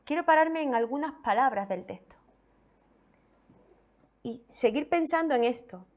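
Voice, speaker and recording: A woman's voice: high voice, animated, a little slow. A woman pastor from Spain preaching a sermon with a Spain Spanish accent, reading scripture expressively and asking the congregation questions.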